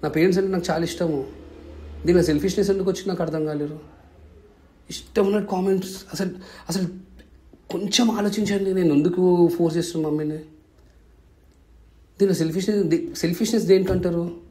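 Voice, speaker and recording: A man's voice: high-pitched, fairly even intonation, quick pace, long pauses, dark tone. A man, a family vlogger answering viewers' comments in an impassioned, defensive way, full of rhetorical questions.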